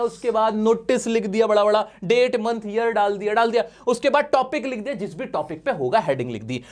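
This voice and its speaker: Animated male teacher coaxing students. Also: very high-pitched. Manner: animated, coaxing, asks rhetorical questions; playful, teasing. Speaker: English teacher. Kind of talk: classroom-style exam lesson.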